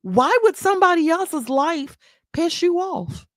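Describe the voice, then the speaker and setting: A woman's voice: very high voice, lively intonation, unhurried, dry recording, clean studio sound. A woman, hosting a casual commentary stream, sassy and laughing, firing off emphatic rhetorical questions.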